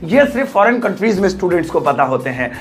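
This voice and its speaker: A man's voice: high voice, sing-song, fast, a little hiss or hum. An Indian man teaching English in Hindi, talking chattily and acting out little scenes with friends and pupils. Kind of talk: Hindi-language English lesson to camera.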